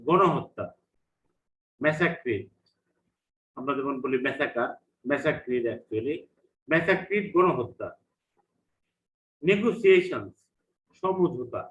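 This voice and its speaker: Teaching an online vocabulary class, a man with a Bangladeshi accent repeats every word and gives its meaning in two languages. His slightly high, bit bright voice has lively intonation and a normal pace broken by long pauses, recorded in an echoey room with dull lo-fi sound.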